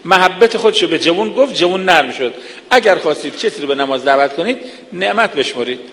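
Gravelly preacher in a reverberant hall. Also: male voice, high-pitched, expressive, a bit bright, slight background noise. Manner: earnest, lecturing with vivid examples. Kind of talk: sermon.

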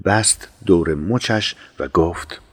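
A man narrating an audio drama in a slow, measured storytelling voice. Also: sits low, no echo, studio quality.

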